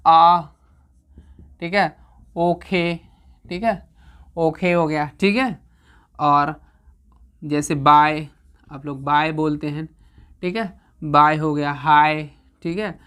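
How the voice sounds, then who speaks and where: A woman teacher explaining grammar to exam students, asking questions and answering them herself. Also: low-pitched. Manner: checks in with students constantly, asking and answering her own questions.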